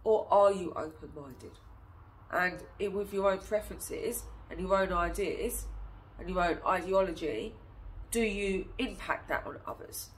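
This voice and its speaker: Seated in a small room, a thirtysomething early years teacher talks casually to her phone camera at short range, peppering viewers with questions despite a stuffy nose from a cold. She speaks at a measured pace in a low-leaning voice, and the recording is rough.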